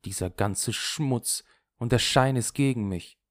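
A male reader voicing a restless, tearful young woman in an audiobook, raising his voice and pitch for her. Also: measured pace, no room sound, studio quality, natural voice. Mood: bitter. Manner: raised, emotional voice for a female character. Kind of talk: audiobook character voice.

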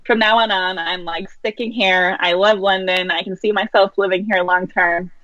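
A woman's voice: medium pitch, moderate pace, no echo. A woman in her thirties from Norway, talking casually and laughing often as an interview guest over a video call. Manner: relaxed, chatty, laughs often. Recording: dry, dull lo-fi call audio.

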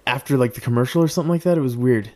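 A man's voice: mid-range voice, a crowd in the background. A young man co-hosting a casual sports podcast, rambling with many filler words. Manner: rapid, filler-heavy with lots of "like". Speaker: podcast co-host.

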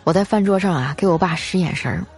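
A woman telling funny family stories in a lively, teasing, chatty manner. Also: on the low side, fast, music in the background. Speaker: storyteller. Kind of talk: comedic storytelling.

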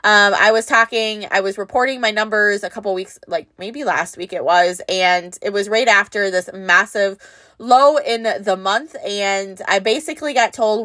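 A woman's voice: medium pitch, sharp tone, dry recording. A woman talking to her followers in a candid, self-reflective monologue, rambling at times with fillers. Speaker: motivational vlogger. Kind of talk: casual heartfelt monologue.

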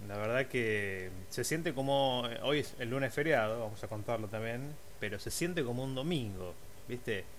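Argentine guy on a podcast panel, normal pitch, chatting, slight noise behind him. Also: normal speed. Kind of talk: casual chat. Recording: faint background noise.

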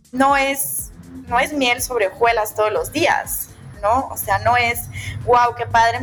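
A woman in her thirties with a Mexican accent, telling her own story in a lively podcast chat and quoting her own thoughts. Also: sits high. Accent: Mexican Spanish. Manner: animated, quotes her own thoughts, many fillers. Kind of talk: casual chat.

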